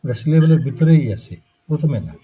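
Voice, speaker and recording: In a muffled, lo-fi recording, a man with a Bangladeshi Bengali accent leads a live German pronunciation class, explaining each step and checking in with students. His voice leans high, moves a little fast, and has a breathy edge.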